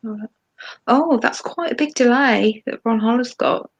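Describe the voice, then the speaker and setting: Gravelly woman co-hosting. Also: a little high, normal speed, lo-fi sound. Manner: rambling, hesitant with many ums. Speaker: co-host. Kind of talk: casual livestream discussion. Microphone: video call.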